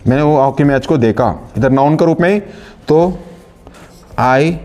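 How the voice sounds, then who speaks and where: A man teaching English grammar in Hindi, explaining words slowly and reading out English example sentences. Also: on the high side, dark tone, faint music behind. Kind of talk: online spoken-English lesson in Hindi.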